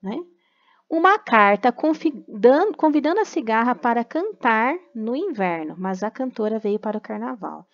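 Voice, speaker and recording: A woman's voice: fairly high pitch, lively intonation, moderate pace, dull audio. A woman from Brazil teaching a remote class, patiently explaining step by step and checking in with tag questions.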